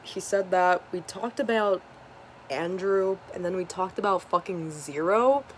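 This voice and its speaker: A woman in her twenties telling a story casually at home, animated and swearing freely. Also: lowish voice, unhurried. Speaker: vlogger. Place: hot room at home with a fan on. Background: faint fan hum.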